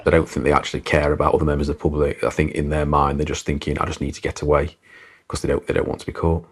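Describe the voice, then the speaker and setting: A man's voice: a bass voice, flat delivery, rapid-fire. A man working as a traffic police officer, talking reflectively in an interview.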